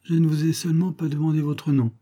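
A man's voice: on the high side, level tone, quick pace, warm tone, pitched above the performer's own voice, natural voice. A man voicing an eager young detective. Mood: cheerful. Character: eager young male street-smart detective.

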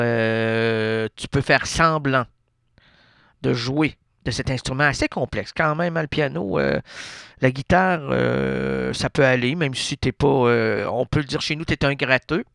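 A man's voice: medium pitch, measured pace, gravelly, fairly bright tone, no echo, clean studio sound. A man with a Québécois accent hosting a radio show, rambling through an absurd monologue full of wordplay and fillers. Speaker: radio host. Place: radio studio.

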